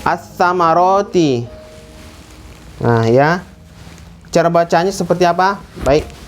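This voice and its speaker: Slow, patient male Quran teacher. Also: high voice. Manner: repeats words slowly and drawn out to demonstrate pronunciation. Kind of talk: classroom lesson.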